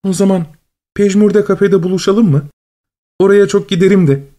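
A man's voice: sits high, normal speed, warm tone, pitched above the performer's own voice, close to an everyday voice. A man voicing a cheerful, chirpy young woman on the phone in an audiobook story. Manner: bubbly, chirpy, eager.

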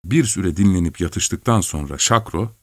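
A male audiobook narrator with a lowish voice reads in scripted, measured narration. The recording is dry and close, with no room sound around him. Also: lively intonation, a bit bright, no room sound.

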